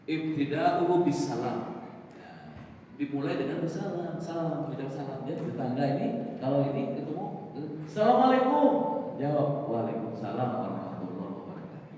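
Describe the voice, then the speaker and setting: A man's voice: medium pitch, normal speed, a little hiss or hum. A man giving an evening sermon in a mosque, joking and acting out little dialogues between neighbors. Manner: lively, joking, acts out dialogue. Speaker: preacher. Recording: echoey mosque hall from far off.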